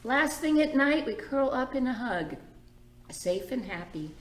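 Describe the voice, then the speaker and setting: This clip, recorded with a roomy echo, features a middle-aged children's librarian running storytime. She reads a picture book aloud in a high-pitched voice with big pitch swings, taking her time as she asks the little listeners simple questions.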